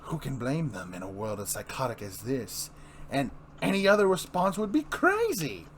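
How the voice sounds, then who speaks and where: A man's voice: medium pitch, huge pitch swings, normal speed, slight background noise, pitched below the performer's own voice. A man voicing the Joker-like mad clown villain of a comic book, grandiose, mocking and bitter, in a dramatic reading. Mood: mocking showman. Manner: grandiose showman delivery, mocking, swooping emphasis.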